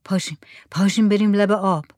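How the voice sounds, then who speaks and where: A woman's voice: mid-range voice, steady tone, darkish tone, no room sound, clean studio sound, close to an everyday voice. A woman voicing the village headman. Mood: plain. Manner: short commands. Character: village headman, older man.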